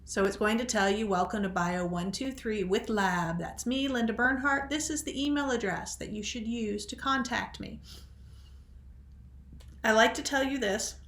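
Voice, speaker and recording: A woman's voice: fairly high pitch, moderate pace, a bit bright, roomy sound. Chatty, rambling woman instructor, slightly breathless. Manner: rambling, self-deprecating, chatty. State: short of breath from asthma. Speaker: biology instructor. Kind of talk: casual recorded lecture.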